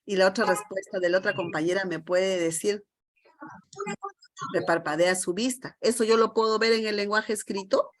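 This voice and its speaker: A middle-aged woman trains teachers over a video call. She speaks emphatically and keeps putting rhetorical questions to her group, with a voice of ordinary pitch. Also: fairly even intonation, moderate pace. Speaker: teacher trainer leading a session.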